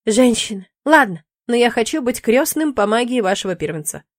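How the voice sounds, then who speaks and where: A woman's voice: a little high, expressive, a little fast, no room sound, clean studio sound, voice pushed up. A woman voicing a playful, teasing young male demon in an audiobook, in a cheeky, bantering manner.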